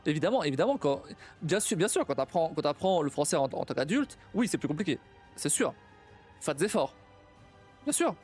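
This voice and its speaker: Casually streaming live, a young man from a Portuguese family thinks out loud, halting through many repeats and restarts and laughing often. His voice is a little high, very animated, and darkish in tone, with soft music in the background.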